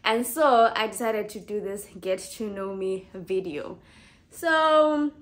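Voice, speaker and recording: Zimbabwean woman, 20s, easygoing vlogger, casual chat to camera, mid-pitched. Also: slow. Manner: chatty, warm, laughs easily, self-correcting.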